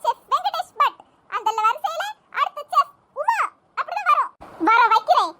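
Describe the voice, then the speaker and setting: A performer voicing Uma, a young cartoon wife who is a proud, overeager cook and chatters in a chipper, squeaky way. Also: lively intonation, normal speed, pushed and bright. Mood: determined. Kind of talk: cartoon voice acting.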